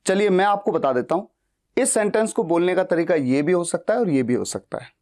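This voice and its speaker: A man with a soft, mellow voice teaches spoken English, walking students through grammar with patient repetition. He poses questions and answers them himself, slowing right down over each example sentence. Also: high-pitched, animated. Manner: patient, repeats examples, asks and answers his own questions; reads English example sentences slowly and deliberately. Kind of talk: explanatory grammar lesson.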